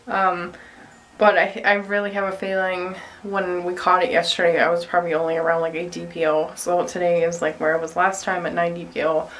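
A woman's voice: lowish voice, fairly bright tone, poor audio. Chatty young woman with a cold, filming at home. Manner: chatty, many fillers like "um" and "like". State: has a cold. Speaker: vlogger. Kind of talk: casual vlog. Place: home bathroom. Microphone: handheld phone camera.

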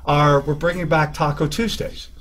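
A man talking about his baseball team in a relaxed, joking, promotional way on a studio talk show. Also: fairly high pitch, normal speed. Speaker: baseball team representative and stadium announcer. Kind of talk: casual studio interview.

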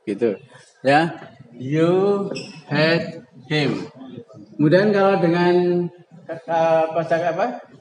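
Slow-spoken man teaching English. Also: fairly high pitch, poor audio. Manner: slow, drawn-out example sentences with prompting calls. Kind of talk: classroom grammar lesson.

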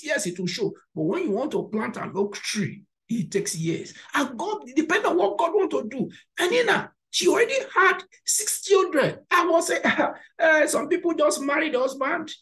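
A woman pastor delivers a sermon in a fairly high, lively voice that rises and falls widely. She exhorts and encourages the congregation, repeating words for emphasis and turning to them with direct questions. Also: rough recording.

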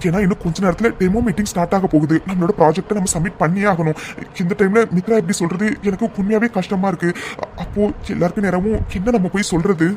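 A man's voice: high voice, fairly even intonation, a little mellow, slight background noise, natural voice. A man voicing a stressed young male team lead in a cartoon serial, pressed for time before a client demo. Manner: hurried, pressured.

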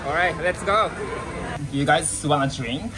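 A woman's voice: low-pitched, a little slow. A woman hosting a casual dinner interview with visitors, chatty and laughing often as she asks many questions. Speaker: host. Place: busy Tokyo street and restaurant. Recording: noisy crowded restaurant recording. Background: restaurant crowd and music.

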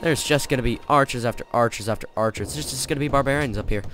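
A young man casually commentating his strategy game, excitable and jokey, thinking out loud. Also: medium pitch, quick pace. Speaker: gaming channel host. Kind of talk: let's play commentary. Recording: game music playing behind.

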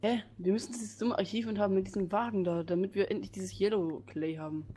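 A woman's voice: medium pitch, fairly even intonation, fast. A woman with a mid-range voice grumbling and cursing her way through a casual let's-play session. A faint background noise sits under her voice. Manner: loud, complaining, swears a lot. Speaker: gamer playing with a friend.

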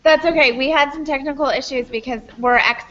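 A woman introducing a guest speaker to a room of students in a friendly, brisk and chatty way, heard over a video call that carries the echo of the room. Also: sits high, a bit bright. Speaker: program coordinator hosting a guest speaker. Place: classroom full of students. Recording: echoey, dull, noisy video-call audio.

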